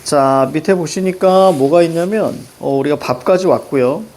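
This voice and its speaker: A man's voice: fairly high pitch, moderate pace, darkish tone. A man teaching a classroom grammar lesson, walking through pronunciation rules step by step.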